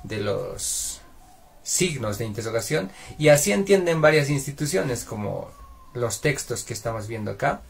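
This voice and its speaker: Gravelly-voiced man teaching a lesson. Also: medium pitch, lively intonation, normal speed, soft background music. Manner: explanatory, often asks "¿no es cierto?". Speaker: Aymara language teacher. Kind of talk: explanatory lesson.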